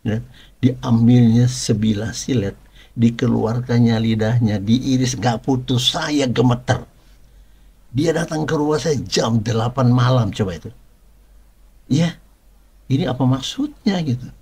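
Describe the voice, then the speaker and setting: Husky-voiced man preaching conversationally. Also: mid-range voice, a little slow, pauses often, warm tone. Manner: conversational, rhetorical questions, emphatic repetition. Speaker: preacher giving a testimony. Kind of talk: sermon with personal testimony.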